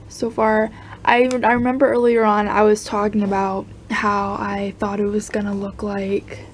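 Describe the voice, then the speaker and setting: Chatty woman with a mellow voice. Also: a little high, slight background noise. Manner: chatty, rambling, often laughing softly. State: hiccups. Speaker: crochet vlogger. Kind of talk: casual chat.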